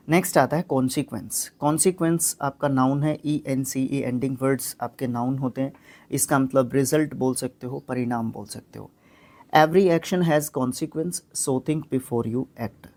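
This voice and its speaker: A man teaching a vocabulary lesson who repeats words and sounds them out slowly, with short fillers between his explanations. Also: medium pitch, a little mellow.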